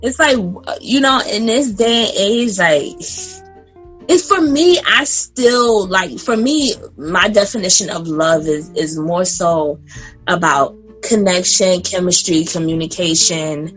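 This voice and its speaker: Speaking slowly in a lowish voice, this twenty-something woman is a lively podcast guest who laughs a lot and sometimes turns to talk right to the audience. Faint music runs behind her easygoing chat.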